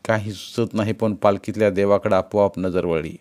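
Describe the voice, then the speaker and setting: A man narrating a story in a measured, steady storytelling manner. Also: fairly low pitch. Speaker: audiobook narrator.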